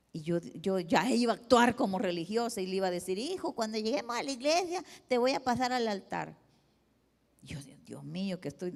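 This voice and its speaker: A woman's voice: mid-range voice, gravelly, darkish tone. A middle-aged woman pastor from El Salvador preaching a sermon, talking with emphasis and often calling the congregation her brothers and sisters. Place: church sanctuary. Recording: long church reverb.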